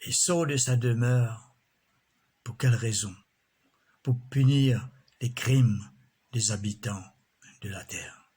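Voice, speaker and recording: Husky guy preaching real slow, drops in alleluias all the time. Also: medium pitch, darkish tone. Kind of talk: sermon.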